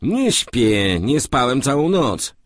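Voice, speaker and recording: A man voicing a shrewd, scheming businessman who talks quickly and slyly. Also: medium pitch, very animated, no room sound, clean studio sound, pitched above the performer's own voice. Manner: quick, sly and scolding.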